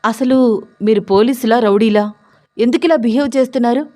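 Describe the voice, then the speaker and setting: A woman's voice: fairly high pitch, normal speed, dark tone, voice pushed up, close to an everyday voice. A woman voicing a bold young male police officer who speaks firmly and seriously. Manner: firm, serious, fearless.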